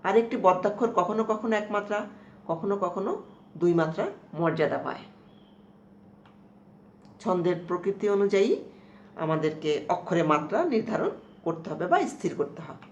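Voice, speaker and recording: A woman teacher giving a slow, explanatory lecture, repeating terms and asking checking questions. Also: on the low side, lo-fi sound. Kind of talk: lecture on Bengali prosody. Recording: echoey room with faint noise.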